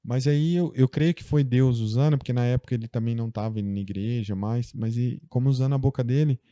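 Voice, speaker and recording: A man's voice: medium pitch, fast talker, warm tone, dry recording. A young Brazilian man, a guest in a casual interview, telling a personal story in a loose, chatty way full of fillers. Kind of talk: casual conversation.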